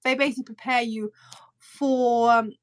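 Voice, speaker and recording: A German pattern cutting teacher with a German accent chats casually on a live stream, using frequent fillers and restarts. Her voice is on the high side, steady, at a moderate pace.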